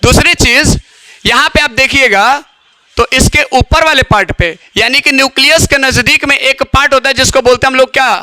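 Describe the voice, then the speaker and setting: A man's voice: very high-pitched, normal speed, sharp tone, no echo. A man teaching biology in a classroom lecture, who keeps asking questions and answering them himself.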